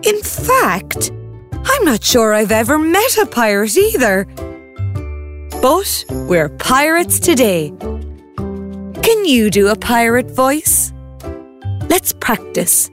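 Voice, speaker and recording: A woman's voice: a little high, very animated, slow, pauses often, faint music behind. A woman presenting an interactive story for young children, encouraging and speaking straight to the child.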